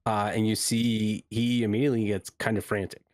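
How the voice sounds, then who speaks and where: A man working as game master, improvising narration and character dialogue in a halting, hesitant way. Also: fairly low pitch, level tone, a little mellow, no echo. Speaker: game master of a tabletop role-playing game.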